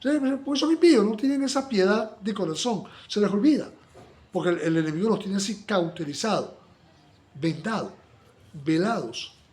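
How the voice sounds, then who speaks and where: A man teaching a Bible study sermon, acting out little dialogues and swinging between loud exclamations and soft asides. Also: sits high, lively intonation, moderate pace.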